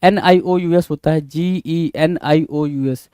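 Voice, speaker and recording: A man with a Hindi accent runs a spelling lesson. He spells each word out letter by letter and repeats it over and over. His voice sits a little high and sounds dry and close to the mic, with no room echo. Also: steady tone, slow, dark tone, clean tone. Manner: spells words letter by letter, repeats words, says 'bhai' often. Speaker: English teacher. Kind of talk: spelling lesson, explaining answers.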